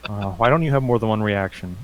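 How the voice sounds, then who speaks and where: A man's voice: lowish voice, fast talker. A man in casual chat as a tabletop game player. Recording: faintly noisy mic with clicks.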